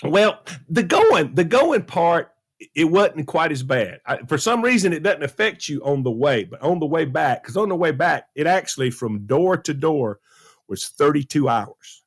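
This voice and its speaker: A man's voice: on the high side, normal speed, breathy edge. A middle-aged man with a Southern US accent, telling a funny story on a talk show and acting out the voices with plenty of laughs. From American South. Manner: animated storyteller, acts out quotes, laughs often. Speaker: radio show regular, movie critic.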